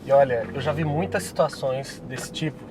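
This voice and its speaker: A man from Brazil giving casual advice as a co-host, chatty and relaxed, laughing often as he talks. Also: mid-range voice, normal speed. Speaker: co-host, Korean teacher. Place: inside a moving car. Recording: faint car noise. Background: faint vehicle noise.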